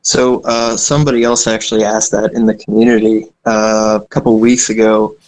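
A man's voice: on the low side, flat delivery, moderate pace, a little mellow, rough recording. A young man, an indie game developer, talking in a rambling, casual way with many fillers and asides. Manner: rambling, self-deprecating, frequent fillers. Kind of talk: casual conversation.

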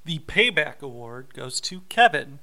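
A man co-hosting a podcast, talking through a TV episode in a measured, explanatory way. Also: fairly high pitch, big pitch swings, pushed and bright. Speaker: podcast co-host. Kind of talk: casual recap chat.

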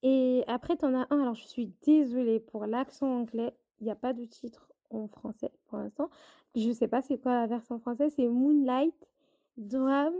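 A woman's voice: on the high side, fairly even intonation, moderate pace, vocal fry, dark tone. A woman guest in a casual chat, chatty and hesitant with fillers, heard over a tinny remote line. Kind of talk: casual chat about TV dramas.

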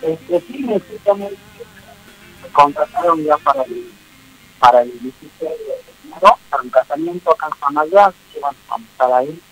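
A man's voice: a little high, expressive, a bit bright, faint music behind. A young man in his twenties with an Argentine accent, a folk singer calling in to a radio interview, his hesitant voice breaking up with a buffering stutter on the line. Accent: Argentine Spanish. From Tucumán, Argentina. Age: 20s. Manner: hesitant, halting with fillers. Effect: choppy, buffering stutter on a breaking phone line.

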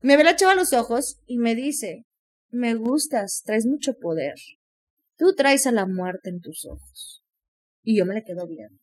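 A woman with a Mexican accent telling a story in casual chat, animated, full of crude slang and acted-out voices. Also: on the high side, unhurried. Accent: Mexican Spanish.

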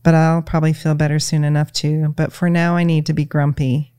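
A woman's voice: deep voice, flat delivery, fairly quick, warm tone, clear, resonant tone, dry recording, studio quality, lightly acted. A woman telling of a grumpy little monkey. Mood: sulky.

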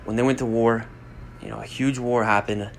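A man's voice: medium pitch, little pitch movement, moderate pace, vocal fry, a little hiss or hum. A young man hosting a podcast, talking in a blunt, rambling, motivational way and swearing freely. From United States. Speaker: podcast host. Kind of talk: casual motivational monologue.

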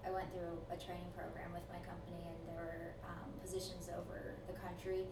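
A woman in her thirties, born in China and raised in Houston, co-owner of an ice cream shop, speaking softly and hesitantly with many fillers. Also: lowish voice, monotone, a little fast. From born in China, grew up in Houston. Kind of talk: casual interview. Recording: echoey room, distant mic, noisy.

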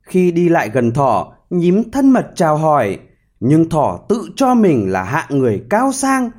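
A man narrating a fable in an expressive, animated storytelling style. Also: fairly high pitch, unhurried.

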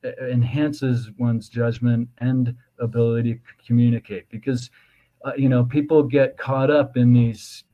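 A man with a lisp and slushy s sounds explains philosophical ideas conversationally as a guest, in a halting, digressive way. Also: mid-range voice, steady tone, warm tone, dull audio. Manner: halting, digressive, with repeated "you know". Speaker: podcast guest, author.

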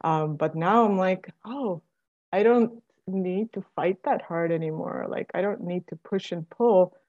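A woman's voice: on the low side, a little slow, darkish tone. A woman in her forties from Estonia, talking reflectively in a casual conversation, full of fillers and restarts. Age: 40s. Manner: hesitant, many fillers and restarts. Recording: dull lo-fi sound.

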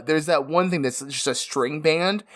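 A man's voice: a little high, unhurried, a bit bright. A man in an improvised comedy scene, rambling and playing drunk.

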